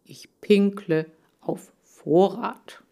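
A woman voicing a clever, calm male hamster who explains things in a measured, dry way. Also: deep voice. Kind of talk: audiobook character voice.

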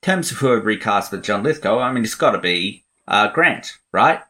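This man's voice sits lowish, pushed and bright, animated but at an ordinary pace. He's co-hosting a podcast, riffing on films in a loose, opinionated way full of fillers.

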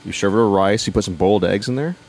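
Very deep-voiced, fast-talking man. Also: a little mellow. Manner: profane, eager storyteller. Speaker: brewery guest. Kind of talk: casual podcast chat. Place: outdoor backyard hot tub.

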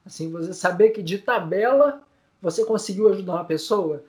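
A man speaks in a fairly high voice, telling stories to an interviewer. He sounds tearful and choked up. He stumbles, repeats words and fills his pauses as his voice breaks. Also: a little mellow. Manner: many fillers, repeats words. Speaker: guest, community news group founder. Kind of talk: emotional storytelling in interview.

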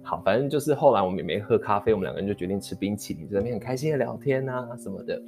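A man speaks in a low, grounded voice, recounting a story for a vlog. He talks in quick, animated bursts, stumbling and restarting as he gets heated. Soft guitar music plays faintly behind him. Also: vocal fry. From Taiwan. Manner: animated, heated retelling of an anecdote; quick, rambling with many restarts. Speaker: vlogger.

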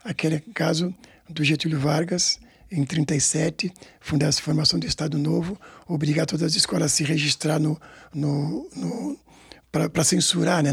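A man in his sixties from Brazil with a São Paulo Portuguese accent, a samba school director telling stories in a rambling way with many repeats and tag questions. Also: a little high. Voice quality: gravelly and husky. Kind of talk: storytelling interview.

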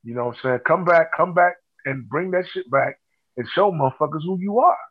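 A man makes emphatic, profane points in a sports chat. His voice is husky and dry, and the lo-fi recording dulls the sound. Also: a little high, a little fast, dry recording.

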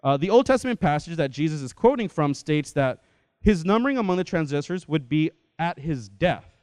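A young adult man giving a lecture-style talk in a lively, conversational way, often checking in with his listeners. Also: a little high, brisk, smooth, dry recording. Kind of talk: lecture to an audience.

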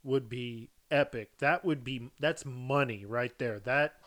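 A man co-hosting a casual wrestling podcast, rambling and jokey, getting loud and animated as he riffs. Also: mid-range voice, slow pace. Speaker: podcast co-host.

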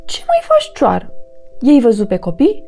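A woman voicing a curious, cheerful young female cow in a storybook, excited and moo-ing. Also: on the high side, vocal fry, faint music behind, exaggerated voice. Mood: eager.

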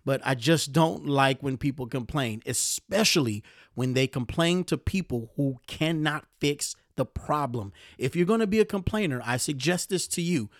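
Animated man giving podcast career advice. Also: a little high, no room sound, studio quality. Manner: animated, gets riled up, mimics complainers. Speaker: podcast host. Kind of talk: motivational podcast talk.

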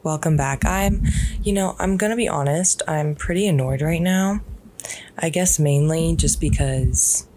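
Young female podcast host, low and slow, relaxed rambling from bed at home. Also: slight background noise. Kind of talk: casual solo podcast chat. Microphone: podcast microphone.

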